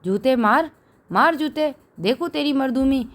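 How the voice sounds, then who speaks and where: A woman reading the part of a fierce, quarrelsome middle-aged village wife who scolds and shouts defiantly. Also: high-pitched, animated, a little slow, pitched above the performer's own voice. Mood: angry shouting.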